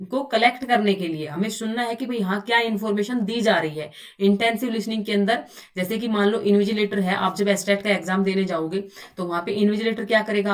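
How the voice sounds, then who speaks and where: A woman's voice: mid-range voice, far from the mic. A woman teaching an online exam-prep class. She keeps asking her students rhetorical questions and answers them herself. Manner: often says "bhai" to students. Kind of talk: recorded online lecture.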